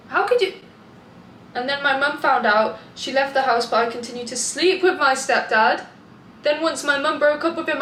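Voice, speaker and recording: A young British woman hosting an online video reads out confessions, reacting candidly and chattily with gleeful amusement at the gossip. Her voice sits on the high side and is a bit bright. The room is echoey, with clear background noise.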